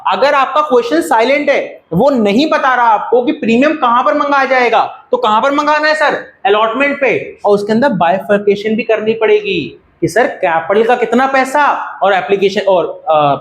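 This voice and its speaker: A man's voice: extremely high pitch, fairly bright tone. A man with an Indian accent teaching a classroom lecture, asking the class questions and repeating their answers. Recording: echoey classroom.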